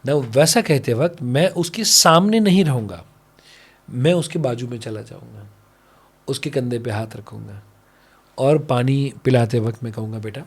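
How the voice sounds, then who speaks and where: An Indian man who works as a parenting coach talks on a podcast in a mix of Hindi and English, acting out parent-child dialogues. His voice is mid-range with a breathy edge, and he speaks at a measured pace.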